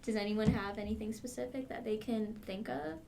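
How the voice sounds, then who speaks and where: A young adult woman co-hosting a casual podcast chat, animated and laughing often. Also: fairly high pitch, a little fast, vocal fry, crowd noise.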